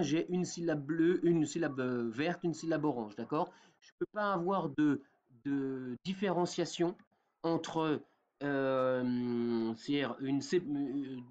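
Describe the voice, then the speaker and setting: A software tutorial presenter with a somewhat high, slightly mellow voice walks through a program step by step, teacher-style, in a screen recording. He fills pauses with hesitations and fillers, keeps checking in with viewers through a repeated "d'accord?", and the audio is dull and lo-fi.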